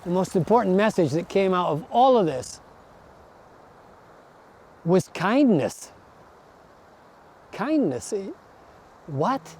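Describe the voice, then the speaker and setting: A Scottish man in his sixties, reflecting in a documentary interview, thoughtful and earnest, pausing and repeating words as he searches for them. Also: high voice, darkish tone, slight background noise. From Scotland. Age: 60s. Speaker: barefoot walker interviewed.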